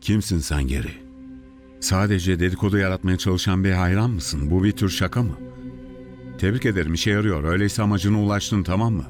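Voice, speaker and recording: Male actor as anxious radio-host father, low voice, pleading and placating, dubbed thriller with music. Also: brisk, darkish tone, natural voice. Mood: frightened, exasperated. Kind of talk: dubbed film thriller acting.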